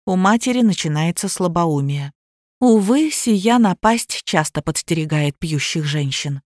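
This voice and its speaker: A woman reading a novel aloud as narrator, in an even storytelling manner. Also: lowish voice, unhurried, no echo, studio quality. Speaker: audiobook narrator. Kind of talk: scripted narration.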